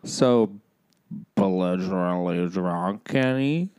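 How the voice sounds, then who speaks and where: A man's voice: sits low, takes it slowly, a little mellow, clean tone. A man chatting casually on a podcast, asking questions in a playful, profane way. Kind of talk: casual chat.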